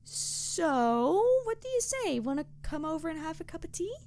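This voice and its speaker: Voicing a playful, excitable young tanuki spirit in roleplay audio, a woman rambles and stammers to the listener in an apologetic, earnest mood. Her high-pitched voice is pushed up, and she speaks at normal speed.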